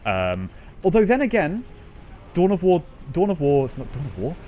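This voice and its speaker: A man's voice: on the high side, wildly swooping pitch, normal speed, warm tone, slight background noise. A man chatting casually as he streams a game, giving opinions and swearing freely. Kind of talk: casual live gaming commentary.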